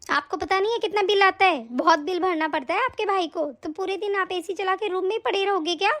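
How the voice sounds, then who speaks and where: Cartoon sister-in-law, sharp-tongued and nagging, very high-pitched, voiced by a woman. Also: fairly quick. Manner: nagging, sarcastic taunts. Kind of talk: animated story voice acting.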